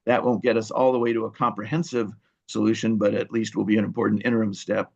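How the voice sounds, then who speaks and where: A man giving earnest public comment to a commission, pausing often with fillers as he urges action. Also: lowish voice, little pitch movement, vocal fry, a little mellow, lo-fi sound. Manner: earnest, halting with many fillers. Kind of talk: public testimony.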